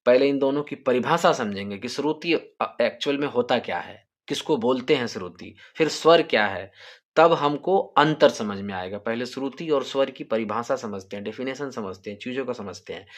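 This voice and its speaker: A man teaching music theory for a harmonium lesson, explaining step by step and repeating each point. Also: mid-range voice. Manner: sings sargam syllables louder as examples. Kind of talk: harmonium tutorial.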